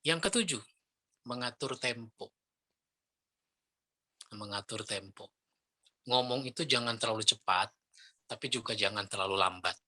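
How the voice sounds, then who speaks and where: Bright-voiced man teaching preachers. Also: lowish voice, unhurried, long pauses. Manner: lively, demonstrates intonation with examples. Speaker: Islamic preacher trainer. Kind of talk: lecture on preaching technique.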